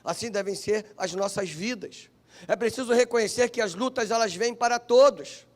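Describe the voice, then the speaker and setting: A Brazilian Portuguese-accented pastor delivers a sermon in a very high voice for a man. He preaches fervently, stretching key phrases and repeating them for emphasis. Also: normal speed. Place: church.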